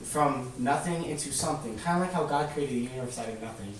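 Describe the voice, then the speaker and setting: A man with a medium-pitched voice talks fast as he teaches children in a casual, question-led lesson, explaining things simply and prodding them with repeated questions. The room is echoey, the mic sits at a distance, and there's faint noise.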